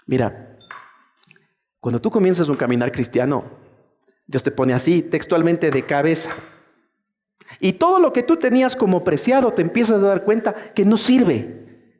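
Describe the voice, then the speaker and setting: High-voiced pastor preaching in a hall. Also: male voice, normal speed, pauses often. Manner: animated preaching, acts out churchgoers' voices. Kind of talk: sermon. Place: church.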